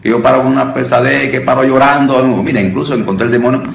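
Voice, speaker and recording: A man's voice: mid-range voice, steady tone, fast talker, gravelly. A man gives a loose, conversational preaching lesson, addressing listeners as brother and often breaking off to restart his phrases. He is picked up from a distance in a roomy space with echo. A faint noise sits under his voice. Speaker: deliverance minister teaching.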